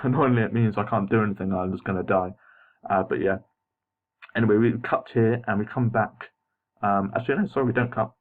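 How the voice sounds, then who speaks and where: Braces slightly muddy the speech of this young male narrator, whose fairly low voice carries unscripted, casual commentary over game footage. He sounds hesitant and apologetic, and the home voice-over has a muffled, phone-like quality.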